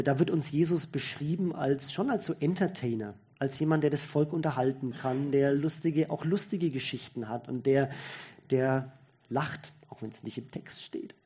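Husky man preaching. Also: on the high side, moderate pace, darkish tone, lo-fi sound. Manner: conversational, thinking aloud with restarts. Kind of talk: sermon-style talk.

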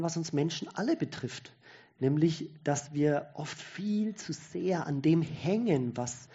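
Husky man preaching. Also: a little high, darkish tone, lo-fi sound. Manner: conversational, thinking aloud with restarts. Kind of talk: sermon-style talk.

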